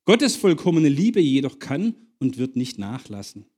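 A man preaching a sermon and reading a story aloud, emphatic and swinging between loud and hushed. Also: medium pitch, sing-song, measured pace.

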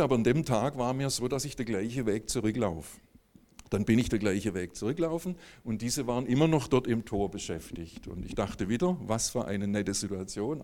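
Man, lowish voice, chatty testimony storyteller with fillers and asides. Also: a little mellow. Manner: casual storytelling with many fillers and tag questions. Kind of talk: spoken testimony to a live audience.

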